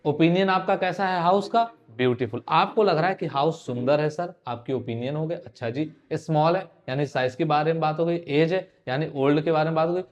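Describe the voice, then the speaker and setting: A man's voice: fairly high pitch, a little fast, hardly any pauses, muffled recording. A young man teaching an exam-prep grammar lesson, conversational and teasing, firing rhetorical questions at his students.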